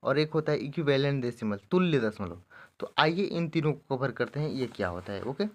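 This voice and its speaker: A man teaching a maths lesson, explaining each step slowly and often checking in with his students. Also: mid-range voice, animated. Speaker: math teacher.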